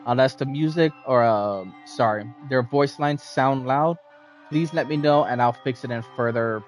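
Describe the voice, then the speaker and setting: A man's voice: mid-range voice, normal speed. A man streaming a game, casually commenting and reading aloud as he plays. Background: faint game music.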